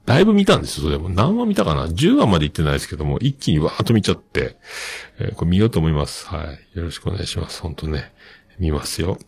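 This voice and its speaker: A man's voice: low-pitched, big pitch swings, fast, vocal fry, a little mellow, slightly rough. A middle-aged man hosting a podcast, chatting casually and rambling with many fillers as he reads listener mail. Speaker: podcast host.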